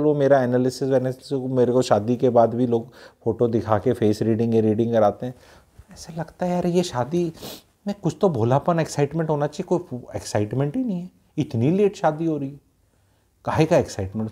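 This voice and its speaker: Blunt man with a mellow voice. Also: mid-range voice. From Haryana, India. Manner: blunt, mixes Hindi with English, rhetorical questions. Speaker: youth advice speaker. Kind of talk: casual advice talk.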